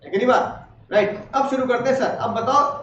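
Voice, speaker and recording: A man's voice: extremely high pitch, fairly even intonation, fairly quick, fairly bright tone, slight background noise. A man teaching law to a class, chatty and joking, asking students questions as he goes. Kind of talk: classroom lecture. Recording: roomy, distant, dull classroom recording.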